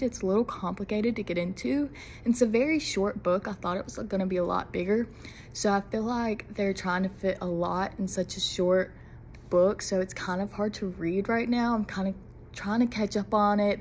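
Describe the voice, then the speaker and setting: A young adult woman from Mississippi hosts her first podcast episode solo, chatting in a casual, nervous, giggly, rambling way. Her voice is medium in pitch and a little mellow, with a slight hiss or hum.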